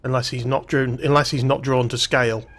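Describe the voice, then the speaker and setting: A man's voice: medium pitch, flat delivery, brisk, fairly bright tone. A man streaming a game, reading the on-screen text aloud and adding wry, jokey asides in a casual let's-play style.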